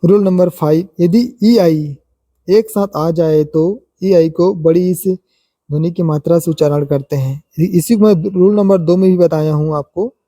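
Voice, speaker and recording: A man gives a pronunciation lesson, working through numbered rules and saying each example word slowly, more than once. His voice is very dark and mellow. The recording is dry and close, with no room sound. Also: fairly high pitch, no room sound. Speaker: English pronunciation teacher. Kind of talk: explanatory spoken lesson.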